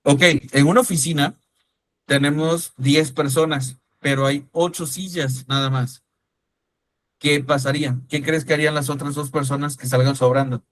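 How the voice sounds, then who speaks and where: A man's voice: fairly high pitch, fairly even intonation, moderate pace, a bit bright, no echo, low-quality recording. Dry-voiced male instructor. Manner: conversational, calls on students by name, frequent "¿sí me explico?". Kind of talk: online-style class lecture with questions to students.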